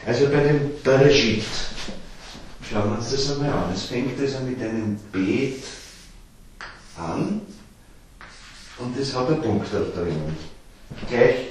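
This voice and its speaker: A man gives a patient, explanatory lecture to a small group of listeners. He halts often and repeats words as he works through each point. His voice sits at an ordinary pitch in a strongly echoing room with a faint hiss behind it. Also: darkish tone. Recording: very echoey room.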